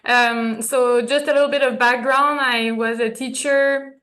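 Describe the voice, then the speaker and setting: A woman with a French accent speaks on stage after being honored. Her voice sits somewhat high. English is not her first language, so she fills pauses with "uh" and "like" and sometimes searches for the right word. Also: fairly even intonation. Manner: searches for English words, many fillers, soft laughs. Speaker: honoree giving a speech. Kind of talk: stage acceptance speech.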